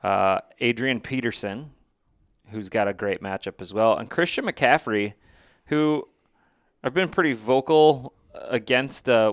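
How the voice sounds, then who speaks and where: A man's voice: medium pitch, no echo, studio quality. A man co-hosting a casual fantasy football chat, thinking aloud with fillers and restarts. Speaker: podcast co-host.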